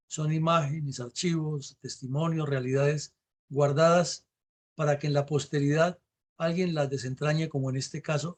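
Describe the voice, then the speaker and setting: Indignant Colombian man, higher-pitched voice. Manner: rhetorical, questioning. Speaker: host and commentator. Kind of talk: indignant commentary.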